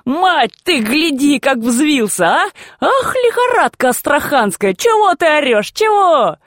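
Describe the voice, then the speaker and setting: A woman voicing a gruff, excitable old grandfather in a storybook reading. He shouts, teases and banters in rough folk speech. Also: medium pitch, unhurried, no room sound, studio quality. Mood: excited teasing.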